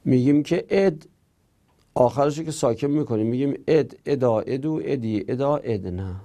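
Male teacher, a bit of fry in a warm low-toned voice, steadily reading out rules and explaining them. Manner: methodical, reads rules aloud then explains them. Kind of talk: grammar lesson.

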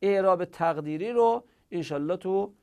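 A man teaching Arabic grammar and recitation in a classroom lecture, asking questions and answering them himself and repeating words slowly to show pronunciation. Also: high voice, a little mellow, clean tone.

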